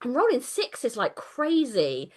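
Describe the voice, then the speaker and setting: A woman narrating as game master of a tabletop game, playful and quick to laugh. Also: a little high, wildly swooping pitch. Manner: playful, laughs often, drops into silly character voices.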